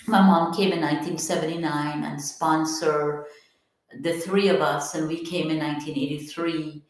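A woman in her fifties, originally from Guyana, telling her life story as a podcast guest, earnest and reflective, pausing often. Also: deep voice, fairly even intonation. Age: 50s. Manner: earnest, reflective, with many pauses and fillers. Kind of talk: personal storytelling interview. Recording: very echoey, from far off the mic.

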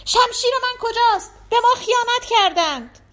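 Woman playing a nasty scheming count, loud and smug, high voice that swings all over. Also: animated. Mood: alarmed shout. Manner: loud, gloating. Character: treacherous scheming male count, proud and cruel.

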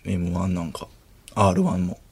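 A young man with a Kansai accent, co-hosting late-night radio with fast retorts and playful rebuttals. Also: sits low, a little mellow, slightly rough. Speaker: radio host. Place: radio studio.

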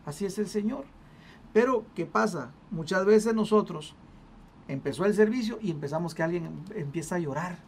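A co-host retelling a Bible story in a casual faith discussion, animated and full of restarts, acting out the people in it. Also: medium pitch, normal speed, slight background noise. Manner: acts out quoted voices.

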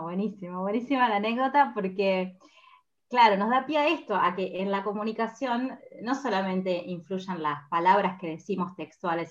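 A woman with an Argentine accent, a podcast guest, explaining ideas in a casual way and thinking aloud with fillers. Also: medium pitch. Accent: Argentine Spanish. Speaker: podcast guest, communication speaker. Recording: slightly dull lo-fi audio.

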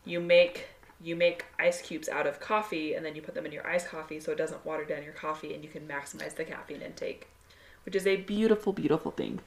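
A woman's voice: low-pitched, steady tone, a little fast. A woman co-hosting a podcast, talking in a casual, conversational way. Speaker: podcast co-host.

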